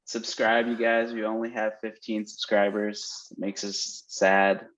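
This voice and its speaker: A man's voice: on the low side, flat delivery, a little slow, fairly bright tone, highs cut off. A man co-hosting a casual podcast, joking and making fun of himself. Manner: joking, self-deprecating. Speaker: crypto podcast co-host. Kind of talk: casual chat.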